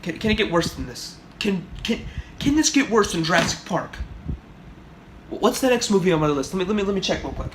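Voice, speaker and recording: A man's voice: high voice, big pitch swings, fairly quick. A young man giving an exasperated, profane, sarcastic movie review rant on his vlog. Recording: noisy home recording.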